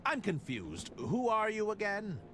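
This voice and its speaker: Awkward polite game detective, nosy, super bouncy pitch, earnest. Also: male voice, huge pitch swings, unhurried, fairly bright tone, a little hiss or hum, exaggerated voice. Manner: polite, inquisitive. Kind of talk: comedic adventure game acting.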